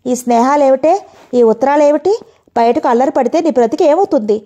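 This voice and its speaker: A woman's voice: high voice, expressive, fairly quick, warm tone, muffled recording. A woman voicing a worried middle-aged mother who warns her daughter in a spoken story. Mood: anxious, stern. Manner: pleading, warning.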